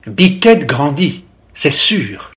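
A reader voicing a stern goat father in a storybook, gruff and grumbling. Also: medium pitch, very animated, drawn-out words, fairly bright tone, exaggerated voice.

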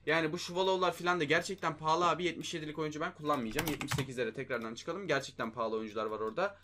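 Man, game commentary, exasperated, fairly high voice, bright tone. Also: very fast, a little hiss or hum. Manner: exasperated, talks to himself and viewers, mild swearing. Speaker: mobile game video host. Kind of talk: casual gameplay commentary.

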